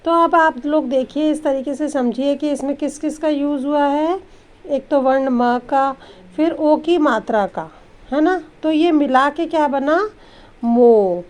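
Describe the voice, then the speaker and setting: A woman teacher giving a grammar lesson to young children, patiently sounding out letters one by one and mixing English words into her Hindi. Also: high-pitched. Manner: patient, explains step by step and sounds out letters slowly.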